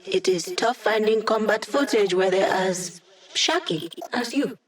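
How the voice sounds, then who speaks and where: Video game hacker sidekick, young female, played by a woman: cheeky, breezy, tech-savvy, quick to tease. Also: mid-range voice, animated, close to an everyday voice. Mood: breezy, teasing. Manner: playful, breezy, teasing, tech-savvy banter. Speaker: video game character giving mission support. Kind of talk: scripted video game voice lines.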